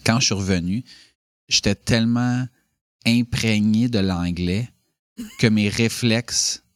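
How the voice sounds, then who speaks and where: A man's voice: on the low side, fairly even intonation, takes it slowly, dry recording, studio quality. A man in his thirties with a Quebec French accent, chatting casually and rambling with many fillers and restarts. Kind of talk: casual conversation.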